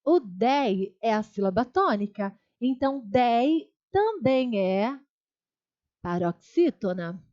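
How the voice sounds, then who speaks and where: A woman's voice: fairly high pitch, sing-song, takes it slowly, a little mellow, lo-fi sound. A woman with a Brazilian Portuguese accent teaching a grammar lesson for exam prep, explaining step by step, repeating key terms and checking in with her students. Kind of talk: online exam-prep lecture.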